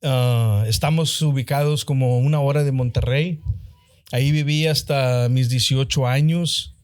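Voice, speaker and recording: A man's voice: mid-range voice, steady tone, unhurried, a little mellow, smooth. A man from northern Mexico with a northern Mexican accent, a podcast guest who tells his story humbly and often adds "¿verdad?". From Linares, Mexico. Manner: humble, filler-heavy, frequent "¿verdad?". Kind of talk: casual interview storytelling.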